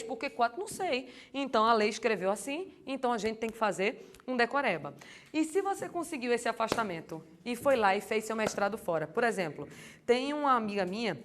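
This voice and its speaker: Woman, young adult, law exam-prep lecturer, colloquial and lively, slightly high voice. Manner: lively, colloquial, asks the class rhetorical questions. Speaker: law course teacher.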